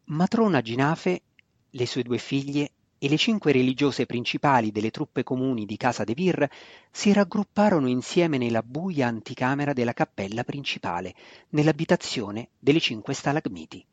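A man reading a fantasy novel aloud in a steady, measured scripted narration. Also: medium pitch, dry recording. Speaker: audiobook narrator. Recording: dry, slightly dull lo-fi recording.

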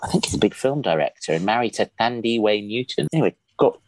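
A man's voice: on the low side, lively intonation, fast, no echo. A man with an English accent from Oxford, a podcast guest telling stories in casual chat with plenty of hesitations. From England. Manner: chatty storyteller with hesitations.

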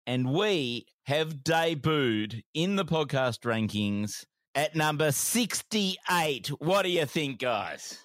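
Male Australian comedy podcast host, animated pitch, close dry sound. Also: slow, no echo. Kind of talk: comedic chat podcast hosting.

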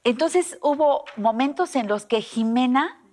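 A woman's voice: high-pitched, animated, measured pace, a little mellow. A woman guest in casual conversation, telling a personal story with lots of fillers and restarts. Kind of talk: casual chat.

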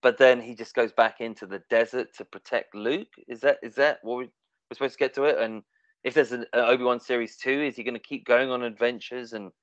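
A man's voice: mid-range voice, steady tone, brisk, dry recording. A man talking casually in a discussion, hesitant, with many fillers and restarts. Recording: dull, dry, lo-fi sound.

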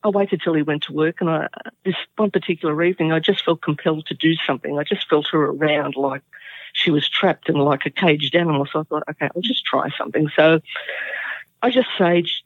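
A woman recounts a personal story in an earnest, halting way, full of fillers and restarts. Her voice comes over a tinny, phone-like line. The sound is dry, with no room around it. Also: sits low, no room sound. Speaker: interview guest.

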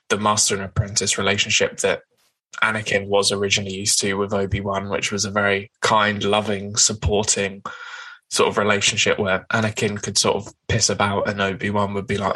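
A man's voice: on the low side, bright, forceful tone, slightly rough, low-quality recording. A man co-hosting a podcast, chatting casually about comics with frequent fillers. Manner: chatty, with many fillers and hedges. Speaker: podcast co-host.

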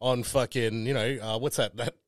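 A man's voice: medium pitch, fairly even intonation, moderate pace, no room sound, studio quality. A man from Singapore with an Australian accent, giving blunt, swearing opinions in casual chat.

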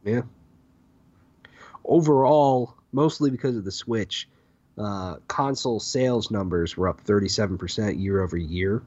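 Brief: male podcast co-host, husky and fairly low, muffled lo-fi mic, stumbles over names. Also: a little slow, a little mellow. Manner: reads lists with stumbles and laughs. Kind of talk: casual gaming podcast chat.

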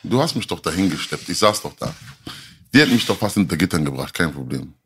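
A man's voice: deep voice, animated, quick pace, slight background noise. A man talking as a podcast guest, heated and repeating himself, often calling the others brother. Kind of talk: casual podcast chat.

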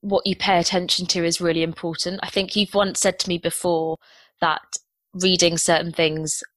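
A woman's voice: on the low side, level tone, moderate pace, a bit bright, dry recording. A woman hosting a podcast interview, asking supportive questions in a conversational way. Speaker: podcast host.

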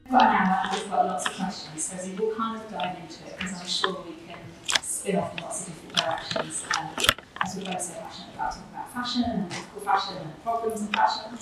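A woman's voice: lowish voice, fast talker, loud music behind the voice. Woman moderating in an echoey hall. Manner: warm-hosting, questioning with fillers and restarts. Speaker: interviewer and moderator. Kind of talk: live on-stage interview. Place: live event venue before an audience. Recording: echoey distant room recording with noise.

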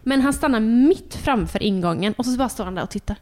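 A young adult woman, co-hosting a casual podcast and telling lively stories about her toddler. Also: fairly high pitch. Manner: animated storytelling, acts out kids' voices. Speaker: podcast co-host. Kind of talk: casual chat.

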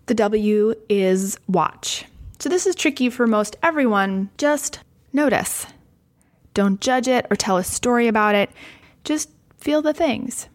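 A woman explaining a step-by-step coping technique in a calm, conversational way, with frequent casual asides. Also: medium pitch. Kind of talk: explanatory talk to camera.

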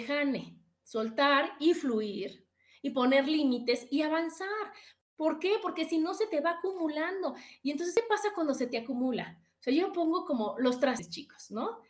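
A Mexican woman with a high, light voice talks through emotions and boundaries like a therapist chatting with her viewers. She repeats phrases for emphasis and keeps tossing out rhetorical questions in a lively, conversational flow. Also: normal speed. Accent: Mexican Spanish. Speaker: therapist hosting a live advice talk. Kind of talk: casual advice talk, answering viewer comments.

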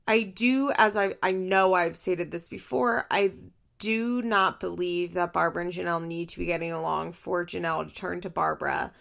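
Podcast host, female, Valley Girl accent, gravelly fry, chatty and amused. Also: fairly low pitch, fairly even intonation, normal speed, a bit bright. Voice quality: vocal fry. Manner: chatty, frequent "like" fillers, swearing, amused. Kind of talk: casual reality-TV recap monologue.

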